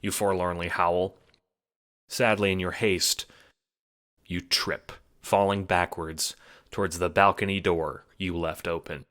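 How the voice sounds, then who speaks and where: His delivery is flat and a little slow, though the low voice carries a fairly bright tone. The man, who is both narrator and producer, dramatically tells a scripted story in the second person over background music.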